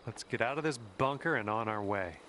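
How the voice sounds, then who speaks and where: A man's voice: mid-range voice, expressive, brisk, noisy background, lightly acted. A man voicing a cheerful golf caddie. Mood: encouraging. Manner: upbeat, encouraging, folksy. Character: cheerful encouraging adult male golf caddie. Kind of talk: game voice lines. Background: background music.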